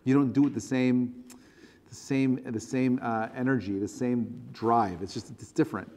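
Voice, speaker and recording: In a big, reverberant hall at an evening synagogue class, an earnest rabbi poses question after question to his listeners in a conversational religious lecture, his words echoing on. His mid-range voice is steady, a little mellow and at a normal speed, but it sounds strained, as if he's choking up.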